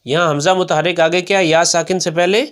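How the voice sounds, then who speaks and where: A man with a Pakistani Urdu accent teaching Quran pronunciation. He drills syllables slowly with repeated examples, asks questions and answers them himself, and stretches out the words he recites. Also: on the high side, steady tone, a bit bright.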